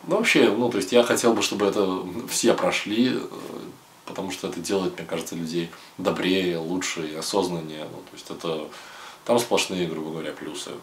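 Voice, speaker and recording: A young man sits in a small room and rambles to his camera, stopping and restarting as he goes. His voice is low and gravelly. The room sounds roomy, with a faint hiss behind it. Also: fairly even intonation. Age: young adult. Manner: loose and rambling, hesitant with many pauses. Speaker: vlogger sharing a retreat experience. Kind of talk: casual to-camera monologue. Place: small indoor room at home.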